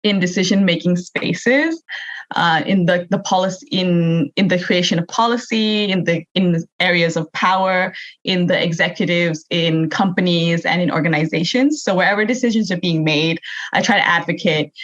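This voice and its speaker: A woman's voice: on the low side, normal speed. A young adult woman from Thailand, answering conversationally as a podcast guest. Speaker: podcast guest, youth energy advocate. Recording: dull lo-fi remote recording.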